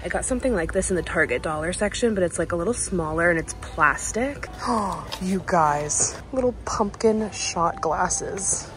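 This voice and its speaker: A woman's voice: on the low side, moderate pace, hardly any pauses, poor audio. Gushing young woman filming in a store. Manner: gushing, excitable, talks straight to viewers. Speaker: lifestyle vlogger. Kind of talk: casual shop-with-me vlog. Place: large retail store, indoors. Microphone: handheld phone at arm's length. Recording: in-store background ambience.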